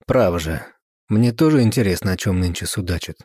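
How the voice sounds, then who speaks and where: A man's voice: deep voice, lively intonation, fairly quick, darkish tone, slightly rough, no room sound, clean studio sound. A man reading a cold, contemptuous count. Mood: cold contempt.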